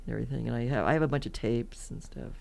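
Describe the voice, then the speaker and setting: A California woman in her seventies races through chatty, wandering stories as a podcast guest, laughing often. Her extremely low voice is gravelly and a little mellow, and her tone stays steady throughout this casual interview.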